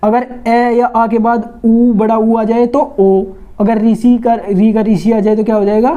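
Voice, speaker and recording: A woman teaching a grammar lesson for exam students, asking questions and answering them herself, slowly drawing out and repeating sounds. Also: fairly high pitch, level tone, warm tone, dull audio. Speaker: Hindi teacher.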